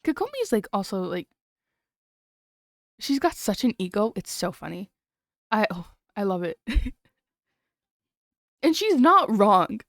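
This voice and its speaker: A woman's voice: mid-range voice, sing-song, measured pace, pauses often, dry recording. Giggly young woman streamer, dry close mic. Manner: chatty, giggly, trails off and restarts. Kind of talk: casual late-night stream chat.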